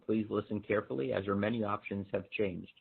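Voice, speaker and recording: This is a man's recorded phone menu greeting, delivered as a formal automated announcement. His low voice has a gravelly, husky edge. It is squeezed through a thin phone line and heard as if played from a distance. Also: fairly even intonation, a little fast. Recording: tinny phone line played back from far.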